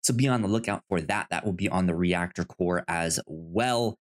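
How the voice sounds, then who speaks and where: A deep-voiced man hosts a podcast at a moderate pace, chatting casually about movies and show news. His style is loose and conversational, and he often stammers and repeats syllables.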